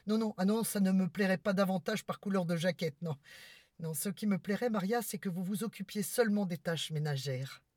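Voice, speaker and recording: A woman's voice: mid-range voice, fairly quick, darkish tone, dry recording, lightly acted. An exasperated, condescending bourgeois lady, played by a woman in a comic stage monologue. She lectures in a theatrical, put-upon tone. The sound is dry and close, with no room around it. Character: haughty bourgeois lady scolding her maid.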